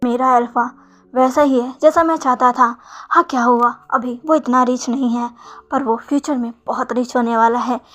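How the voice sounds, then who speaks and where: A woman's voice: fairly high pitch, fairly even intonation, normal speed, fairly bright tone, close to an everyday voice. A woman voicing a smug, scheming young man pleased with his own choices, in a storybook retelling. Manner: smug and self-satisfied.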